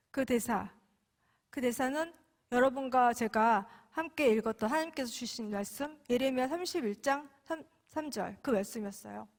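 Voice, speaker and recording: A woman giving a testimony sermon as a mission representative, telling her story expressively with sudden emphatic rises. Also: fairly high pitch.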